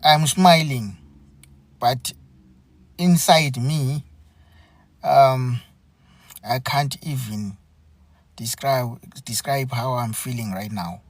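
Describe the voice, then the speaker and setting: A man hosting a live stream, speaking in an earnest, halting way and often repeating himself. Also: mid-range voice, dry recording. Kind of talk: unscripted live commentary.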